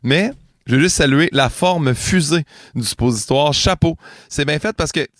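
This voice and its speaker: A man's voice: a little high, a bit bright, dry recording, clean studio sound. A man with a Québécois accent delivering a joking comic monologue on morning radio, poking fun at himself. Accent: Québécois French. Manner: joking, self-mocking, quick asides. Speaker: radio comedy columnist. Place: radio studio.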